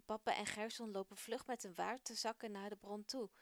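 A woman narrating a children's story in a gentle, expressive read-aloud manner. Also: medium pitch, brisk, no room sound.

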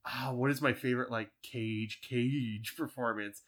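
A man's voice: medium pitch, fairly even intonation, unhurried, fairly bright tone. A man hosting a movie podcast, chatting enthusiastically and loosely, with swearing. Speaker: podcast host. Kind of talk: casual movie podcast chat.

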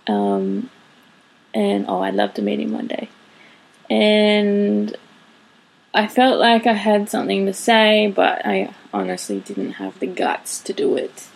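A woman's voice: medium pitch, lively intonation, takes it slowly, creaky, rough recording. A woman in her late twenties hosting her own podcast, talking candidly in a rambling way, laughing and swearing now and then. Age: 20s. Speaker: podcast host. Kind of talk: casual solo monologue.

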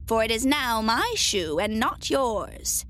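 A woman voicing a spiteful, cunning old witch in a storybook, with slow, drawn-out, gloating and wailing delivery. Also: fairly high pitch, sing-song, fairly bright tone, full character voice. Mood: gloating, defiant.

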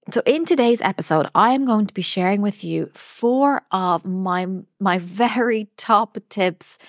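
A woman's voice: fairly low pitch, dry recording. A woman hosting a solo podcast, talking directly to the listener in an earnest, emphatic way on a close mic. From United Kingdom. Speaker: podcast host, dietitian.

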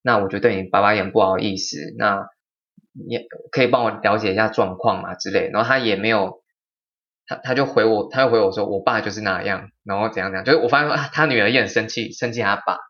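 A young man tells a story in casual podcast chat. His voice sits low, and he often restarts sentences and acts out quotes. The recording sounds slightly dull and lo-fi. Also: fast talker. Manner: animated, quoting people, frequent restarts. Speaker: podcast host.

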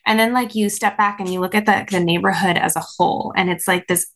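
Woman guest, gravelly fry in her voice, earnest explainer, lots of "like". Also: mid-range voice, fairly even intonation, fairly quick, a bit bright. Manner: frequent "like" fillers, explanatory, earnest. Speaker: guest, course creator in parent health. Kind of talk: conversational interview.

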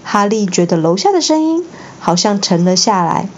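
A mother reading a bedtime story aloud at home, expressive, with the odd slip and restart. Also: mid-range voice, moderate pace, highs cut off, slight background noise. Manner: expressive, occasional slips and restarts. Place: home, indoors.

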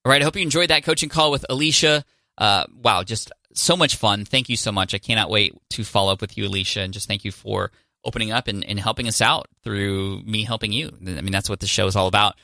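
Bright, upbeat male podcast host. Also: lowish voice, quick pace, vocal fry, dry recording, studio quality. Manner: upbeat, encouraging, effusive. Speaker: podcast host and business coach. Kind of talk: podcast coaching interview and outro.

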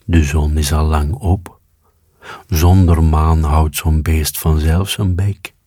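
A man's voice: very deep voice, fairly even intonation, slow pace, warm tone, slightly rough, no echo, studio quality, heavily acted. A man voicing a sly male fox who whispers in a honeyed, teasing way.

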